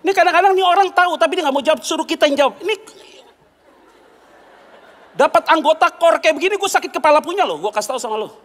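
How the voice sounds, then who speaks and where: A male pastor preaching a sermon, animated, acting out quoted voices and dropping slangy asides. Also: very high-pitched, fast talker, long pauses, long reverb tail.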